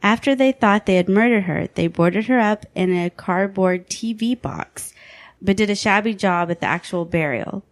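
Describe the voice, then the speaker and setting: A woman co-hosting a podcast, reading out a countdown of creepy legends in a steady, measured tone. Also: medium pitch, no room sound. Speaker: podcast co-host. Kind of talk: reading a countdown list aloud.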